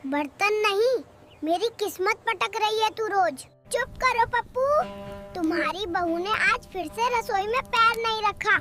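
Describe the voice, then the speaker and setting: A woman voicing a sharp-tongued, nagging older mother-in-law in a cartoon, scolding and complaining. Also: very high-pitched, measured pace. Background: background music.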